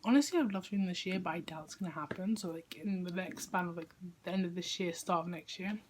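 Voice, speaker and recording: A woman's voice: lowish voice, fast talker, noisy background. A young woman talking casually to camera about books, rambling with lots of fillers and restarts. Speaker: book vlogger. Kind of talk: casual chat.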